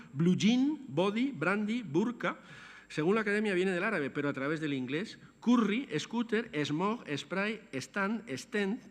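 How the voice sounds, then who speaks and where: An older man gives a measured, scholarly lecture, turning to the audience with asides. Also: fairly high pitch, a bit bright. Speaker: lecturer on language. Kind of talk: academic lecture. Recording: long hall reverb.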